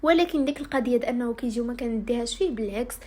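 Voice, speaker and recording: A young woman with a Moroccan accent, telling her own story to viewers in a rapid, aggrieved first-person retelling. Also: on the high side, mellow.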